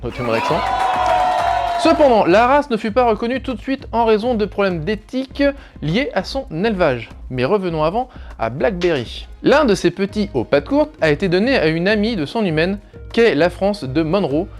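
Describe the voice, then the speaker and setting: A man's voice: sits high, animated, moderate pace, soft background music. A man hosting a video, giving scripted informative commentary with sarcastic, jokey asides. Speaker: YouTube host.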